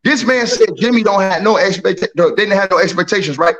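A man in a heated sports debate, loudly opinionated and ribbing the others as he argues. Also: sits high, fairly quick. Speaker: sports panelist.

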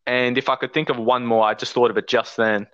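A man's voice: mid-range voice, flat delivery, fairly quick, fairly bright tone, dry recording, dull audio. An Australian man chatting casually as a podcast guest and sports fan, hesitant and thinking aloud.

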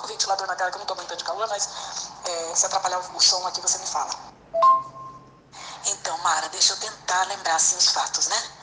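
A woman in her fifties talking with an electric fan blowing in her face, chatting casually and rambling with many fillers. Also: mid-range voice. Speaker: interviewee sharing personal experiences. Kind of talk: casual recorded chat. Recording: roomy with clear fan noise.

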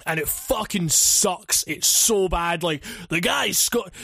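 A man's voice: high voice, takes it slowly, no room sound. A young man co-hosting a casual gaming chat, rambling and swearing freely. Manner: rambling, profane, animated. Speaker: podcast co-host.

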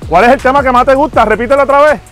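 Brief: a man as a vain Puerto Rican fake pop star, high voice, pushy street prank. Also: very fast, a bit bright, faint music behind. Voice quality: boastful, pushy, calls everyone papi. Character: male self-important fake famous Puerto Rican singer. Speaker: prank show host. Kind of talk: hidden-camera prank.

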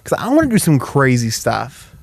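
Gravelly young man, playful and jokey. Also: medium pitch, huge pitch swings. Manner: playful, jokey, quick to tease. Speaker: podcast host. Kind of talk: casual chat.

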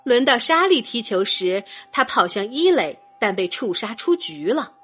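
Woman host reading children's stories, gentle and expressive, fairly high, lively melody, soft music behind. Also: moderate pace, slightly rough. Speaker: children's storyteller. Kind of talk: storytelling for children.

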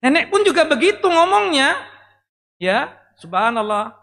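A man preaching a sermon to a live audience in a lively way, asking questions and joking as he goes. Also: extremely high pitch, unhurried, gravelly. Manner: lively, talks directly to the audience, jokes and asks questions. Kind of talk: Islamic sermon. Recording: long reverb in a hall.

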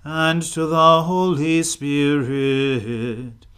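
Church cantor chanting prayers super slow n even, really smooth clear tone, faint music. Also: mid-range voice. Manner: solemn, measured, monotone intoning. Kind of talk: slow sung liturgical chant at evensong.

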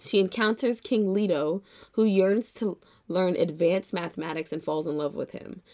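A woman's voice: fairly low pitch, moderate pace. A woman co-hosting a casual chat, reviewing dramas with frequent laughter and an occasional cough. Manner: laughs often, animated storytelling. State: coughing now and then.

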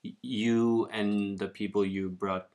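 Man, interviewer, low pitch, very slow pace, halting thoughtful phrasing, conversational. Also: level tone, darkish tone.

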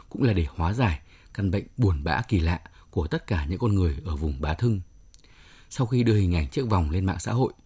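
A man's voice: low-pitched, dark tone, husky. A man giving scripted commentary on a short story as a programme editor.

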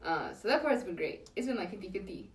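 A laid-back woman with a mid-pitched voice chats casually and laughs between phrases. She sounds distant from the mic in an echoey room. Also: expressive, quick pace. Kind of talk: casual chat.

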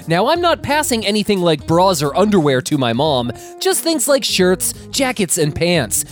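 Animated storytelling voice reading reddit-type stories, faint music underneath. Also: mid-range voice, normal speed. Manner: lively storytelling with commentary. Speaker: story reader. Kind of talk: reading internet stories aloud.

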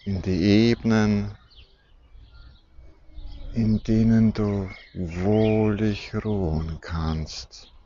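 A man guiding a deep relaxation and sleep journey in a soft, soothing, hypnotic manner with long pauses. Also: fairly even intonation. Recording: dull muffled recording with background noise.

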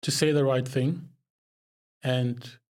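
A man's voice: mid-range voice, steady tone, slow pace, a little mellow. A young man from Pakistan, a podcast guest talking casually and reflectively, often breaking into laughter. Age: young adult. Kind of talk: casual conversation.

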